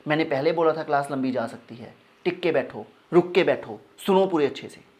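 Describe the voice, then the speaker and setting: A man's voice: on the high side, brisk, a little mellow. A young adult male teacher delivering a classroom lecture. He coaxes and urges, drilling each point by repeating phrases over and over.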